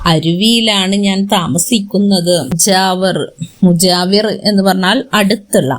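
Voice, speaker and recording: A woman teaching an online class, slowly explaining a story line by line and mixing in English words. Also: medium pitch.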